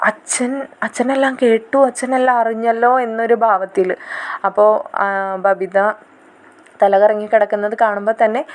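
A young woman chattily retelling the plot of a drama in casual, conversational narration. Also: a little high. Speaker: storyteller.

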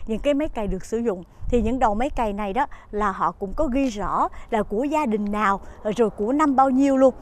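A chatty travel show host narrates a walking tour to camera, outdoors at a farm market and inside its shop, using many "ờ" fillers and calling viewers "quý vị". Her voice is on the high side and fairly bright, with a little hiss or hum.

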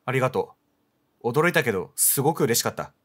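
A man reading aloud the lines of a kind, polite young man in a horror game, calm and subdued. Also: medium pitch, fast. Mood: gentle.

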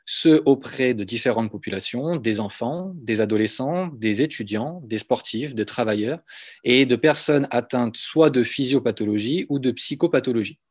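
A man, giving a measured, slightly hesitant academic introduction as moderator on a video call. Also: mid-range voice, a little mellow, dry recording, studio quality. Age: 30s. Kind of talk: formal academic introduction, partly read. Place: small indoor office. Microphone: computer video-call microphone.

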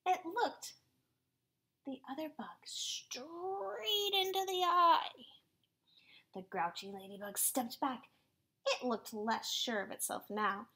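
A woman teacher hosting a children's story time, reading aloud in an animated, sing-song way and sometimes dropping to a whisper. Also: sits high, slow pace, long pauses.

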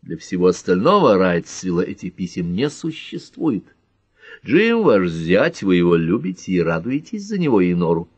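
A man voicing a calm, logical male detective in an audiobook, measured and instructive. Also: low-pitched, slightly rough, no echo, dull audio, heavily acted.

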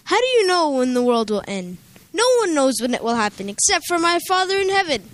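A young woman playing Jesus in a church play, speaking calmly and reassuringly in recited lines. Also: high-pitched, brisk. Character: Jesus, calm gentle male savior.

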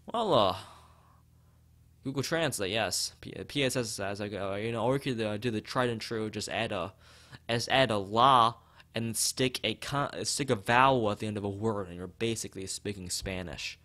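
A man with a lowish, bright and forceful voice streams a visual novel at a moderate pace, reading its text aloud and tossing in casual asides. He often stumbles over the lines and repeats phrases, with background music playing behind him.

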